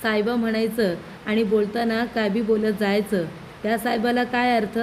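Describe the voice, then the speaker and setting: A woman's voice: on the high side, level tone, moderate pace, a little mellow, slight background noise, lightly acted, rough recording. Woman reading as a bossy household head. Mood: irritated. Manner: scolding, impatient. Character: bossy middle-aged male household head.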